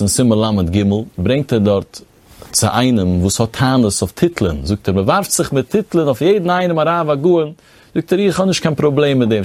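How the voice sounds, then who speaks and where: A man's voice: medium pitch, a little mellow, no room sound. A man teaching a religious text, reading Hebrew phrases in a chanting cadence and then explaining them. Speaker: Torah teacher.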